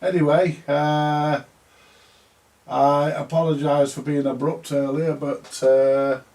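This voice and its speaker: This man's voice sits on the high side, slow and darkish, with little movement in pitch. Hosting a vintage radio repair video, he rambles along in casual vlog chat, colloquial and chatty, often dropping tag questions.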